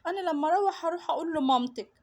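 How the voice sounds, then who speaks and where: A woman's voice: very high-pitched, very fast, a little mellow, pitched below the performer's own voice. A woman voicing an earnest little girl with an Egyptian accent, lecturing a classmate in a reproachful tone in a family story skit. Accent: Egyptian Arabic. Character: earnest, scolding little girl defending a friend.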